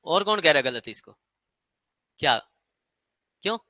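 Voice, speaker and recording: Male English teacher, slow deliberate drilling, bright cutting tone, quizzes the class. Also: on the high side, sing-song, no room sound. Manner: drills students with call-and-response repetition; quizzing, asks many short questions. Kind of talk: classroom grammar lesson.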